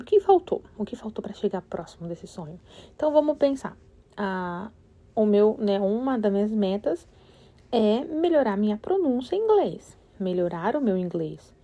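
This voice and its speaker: Woman, 30s, casual motivational vlog, mellow, slightly high voice, chatty. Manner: chatty, warm-hearted, asks listeners questions, many "sabe?". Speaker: vlogger giving goal-setting advice. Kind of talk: casual motivational talk to camera.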